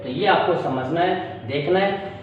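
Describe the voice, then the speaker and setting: A man's voice: on the high side, unhurried. Patient male tutor in an echoey room. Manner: patient, repetitive, keeps checking understanding. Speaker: shorthand teacher. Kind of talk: classroom-style tutorial. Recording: echoey, distant, dull with faint hiss.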